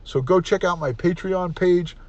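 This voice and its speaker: A man's voice: sits high, moderate pace, highs cut off. A man, hosting a live stream and chatting casually as he reads out viewer names and thanks them. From United States. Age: 50s.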